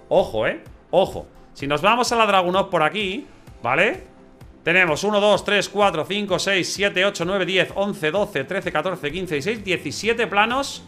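A man giving casual gameplay commentary, chatty and excitable, often checking in with his viewers. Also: high-pitched. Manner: chatty, says 'vale' and 'ojo' often, excitable outbursts. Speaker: gameplay channel host.

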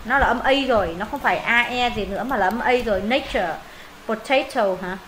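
A woman's voice: fairly high pitch, a little fast, a bit bright, slight background noise, low-quality recording. A woman teaching English pronunciation in Vietnamese, modelling words, repeating them for students and thinking aloud when unsure.

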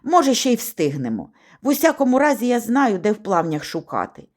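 A woman's voice: a little high, sing-song, brisk, darkish tone. A woman voicing Yava, a bold, bossy village boy who hisses and scolds, in an audiobook reading. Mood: urging.

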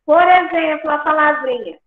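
A woman's voice: sits high, moderate pace, echoey room, narrow, tinny audio. A woman teacher explaining grammar patiently to a class over a video call, checking in with "tá?" as she goes. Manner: patient, repeats points with "tá?".

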